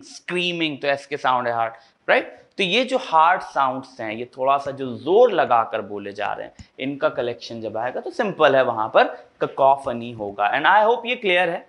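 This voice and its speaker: A man teaching literature, reading definitions slowly and explaining them in Hindi with frequent check-ins. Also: medium pitch, sing-song, fairly bright tone. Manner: reads English definitions slowly, then explains quickly in Hindi with frequent "ठीक है?". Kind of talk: Hindi-English classroom explanation.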